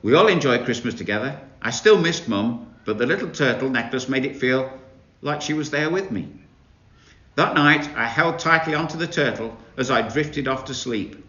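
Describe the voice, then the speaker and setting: Lively man reading stories aloud. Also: medium pitch, normal speed. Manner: expressive, lively storytelling. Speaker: town crier reading competition stories. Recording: roomy, dull recording.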